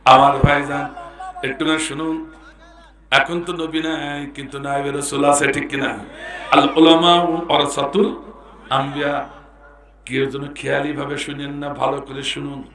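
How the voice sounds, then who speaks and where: A hoarse man with a Bangladeshi Bengali accent preaching a sermon, dropping to low confiding talk and then breaking into loud shouts as he quizzes the crowd. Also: level tone, measured pace, long pauses, roomy sound. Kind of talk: Islamic sermon at a mahfil.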